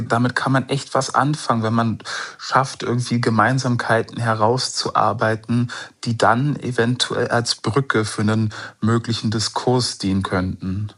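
A man's voice: medium pitch, fairly even intonation, unhurried, a bit bright. A man, an author and journalist, answering interview questions in a reflective, searching way with casual slang. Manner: reflective, searching, casual fillers like "halt" and "ey krass". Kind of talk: conversational interview.

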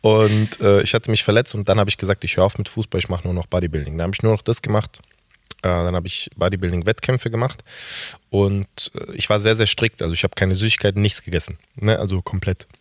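A man's voice: lowish voice, steady tone, fast, no room sound. A man in his thirties, a guest in a casual podcast conversation, talking candidly and rambling with self-mocking asides. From Germany.

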